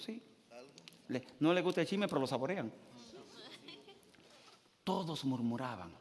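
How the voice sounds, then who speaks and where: A man pastor, preaching a lively, joking sermon that swings from loud to hushed. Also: a little high. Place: church hall. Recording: long hall reverb.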